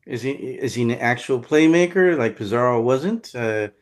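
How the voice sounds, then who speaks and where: A man's voice: mid-range voice, animated, moderate pace. A man co-hosting a casual sports podcast, mostly giving short agreeing replies in a laid-back way. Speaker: podcast co-host.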